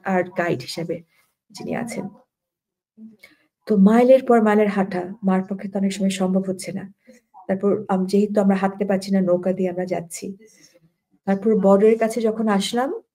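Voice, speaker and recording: An older woman from Bangladesh tells a personal story in an interview, with a gravelly edge and a dark, mellow tone. She speaks reflectively and unhurriedly, often pausing in hesitation. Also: medium pitch. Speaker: interview guest recalling childhood.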